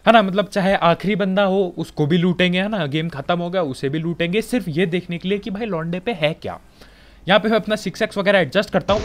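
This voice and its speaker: High-voiced chatty young man with a Hindi accent. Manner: chatty, joking, colloquial filler-heavy. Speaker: gaming commentator. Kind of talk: casual gameplay commentary.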